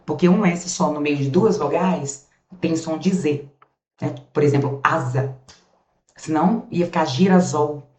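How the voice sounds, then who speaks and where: A woman with a Brazilian accent teaching a grammar lesson. She chats with her students as she goes, asks their questions for them and answers them, and spells out sounds slowly while she writes. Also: low-pitched, a little mellow. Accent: Brazilian Portuguese. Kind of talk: recorded classroom lesson. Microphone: camera set up in front of her. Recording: roomy, slightly dull sound.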